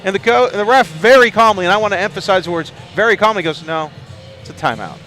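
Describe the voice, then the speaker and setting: Play-by-play man calling basketball courtside, bright, high voice, headset mic, laughs easily. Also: soft background music. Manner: quick to laugh, chatty between plays. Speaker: play-by-play commentator. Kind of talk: live basketball commentary. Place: arena broadcast position.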